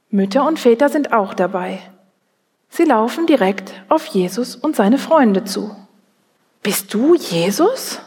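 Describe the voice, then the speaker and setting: A woman, gently telling a Bible story to children in a church service. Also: medium pitch. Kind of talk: slow scripted Bible story narration for children. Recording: reverberant church hall, breathy voice.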